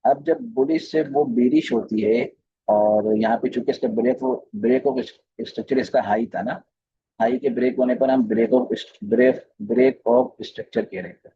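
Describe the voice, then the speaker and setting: A man with a very dark, mellow voice and a husky edge teaches a live class at a screen. He speaks, repeats himself and asks the class questions as he goes. The sound is slightly dull and muffled. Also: mid-range voice, lively intonation, normal speed. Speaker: trading course teacher. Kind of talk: recorded live class lecture.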